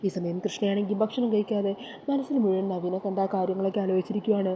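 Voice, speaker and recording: A woman's voice: medium pitch, steady tone, fast talker, mellow, a little hiss or hum. A woman retelling a serial episode in a chatty way, adding little tag words to her sentences. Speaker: storyteller.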